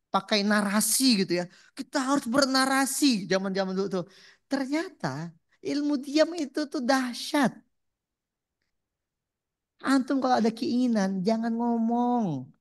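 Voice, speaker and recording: A woman preacher giving a lively religious talk, punchy and repetitive, often asking the audience questions. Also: a little high. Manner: punchy, repeats catchphrases, asks the audience questions.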